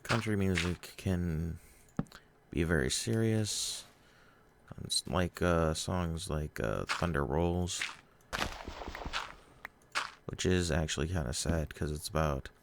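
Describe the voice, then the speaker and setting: A man's voice: sits low, creaky. A man chatting in a rambling, hesitant way while playing a game, often stumbling over his words. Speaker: gaming vlogger. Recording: noisy home recording.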